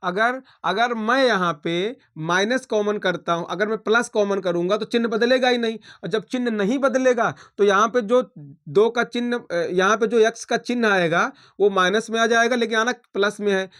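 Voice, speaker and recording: A man's voice: high-pitched, moderate pace, a bit bright. A man teaching a maths lesson, talking through each step aloud and checking in with his students.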